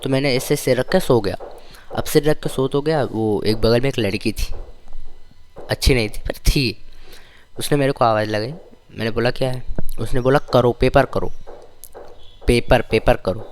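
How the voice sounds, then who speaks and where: A young man casually telling stories from his school days, with a lively, slangy, complaining manner. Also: medium pitch, normal speed, long pauses, slight background noise. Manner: animated, slangy, complaining storytelling. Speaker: vlogger.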